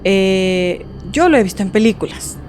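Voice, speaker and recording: A woman's voice: medium pitch, animated, normal speed, darkish tone, faint music behind. A woman hosting a podcast, asking thoughtful questions in a casual chat. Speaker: podcast host.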